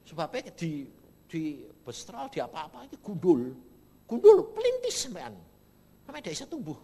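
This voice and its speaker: A male pastor preaching a sermon in a church, with a Javanese-influenced Indonesian accent and animated storytelling that swings from loud to low. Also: fairly quick, creaky, breathy edge, in a large hall.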